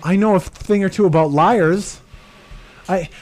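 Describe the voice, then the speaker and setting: A man's voice: sits high, unhurried, darkish tone. Guy playing a whiny awkward teen diver, stammers a lot. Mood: sheepish. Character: timid young male diver, whiny and awkward.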